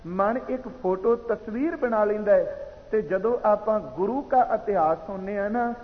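High-voiced man preaching in an echoing hall. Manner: slow, measured explaining of recited verses. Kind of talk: katha sermon. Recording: tinny phone-like sound in a reverberant hall.

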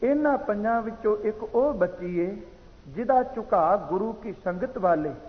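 A man giving a slow, measured sermon that explains recited verses, heard as tinny sound in a reverberant hall. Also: sits high, animated. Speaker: preacher. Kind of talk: katha sermon.

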